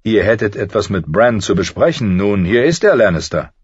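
A man's voice: lowish voice, animated, normal speed, breathy edge, no echo. A man voicing a stern young lord who speaks curtly and firmly. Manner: curt and firm. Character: stern young lord, protective older brother. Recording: slightly dull audio.

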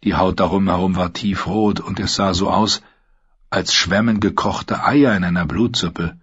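A man narrating an audiobook in a steady, measured reading. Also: low-pitched, breathy edge, no echo. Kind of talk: scripted narration. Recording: dull lo-fi sound.

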